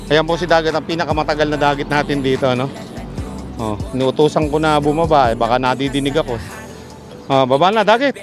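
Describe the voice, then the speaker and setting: A man vlogging outdoors at his pigeon loft, chatting excitedly and calling his birds down in the wind. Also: on the high side, fast talker, over music. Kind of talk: casual vlog commentary.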